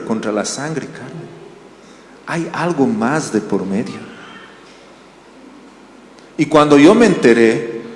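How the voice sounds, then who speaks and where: Bolivian pastor preaching in a reverberant hall. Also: male voice, medium pitch, a little hiss or hum. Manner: animated storytelling with questions to the congregation. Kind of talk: sermon. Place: church hall. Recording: roomy church hall reverb.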